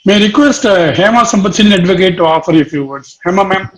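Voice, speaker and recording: Male moderator, loud and courteous, high pitch. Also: animated, quick pace.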